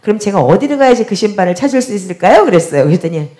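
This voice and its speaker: A woman's voice: medium pitch, very animated, rapid-fire, mellow. A middle-aged woman pastor telling a story from her pulpit, acting out the other people's voices as she goes. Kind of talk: testimony during a prayer service.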